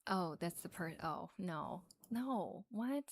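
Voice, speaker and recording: A woman's voice: lowish voice, expressive, slow, slightly rough, dry recording. A woman streamer chatting informally with her viewers in a musing, hedging way. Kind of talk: casual livestream chat. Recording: background noise with small clicks.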